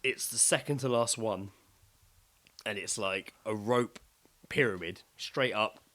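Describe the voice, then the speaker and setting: A British podcast co-host tells a story during casual chat, sweary and excitable, acting out his own reactions. His voice is fairly low and his pace measured.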